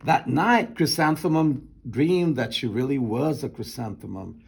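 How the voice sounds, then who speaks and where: Male storybook reader, expressive narration with a raspy, creaky voice. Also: medium pitch, a little slow. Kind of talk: expressive children's read-aloud narration.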